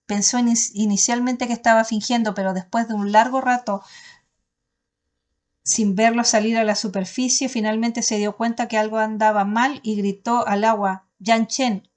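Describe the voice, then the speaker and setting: A woman reading a novel aloud as an audiobook narrator, steady and often stopping to correct herself. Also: on the high side.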